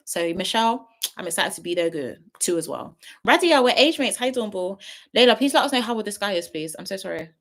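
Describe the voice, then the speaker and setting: A woman's voice: mid-range voice, lively intonation, fast, a bit bright. A woman in her late twenties chatting casually on a livestream, reading viewer comments and giving frank, big-sister style advice. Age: 20s. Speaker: YouTube host on a livestream.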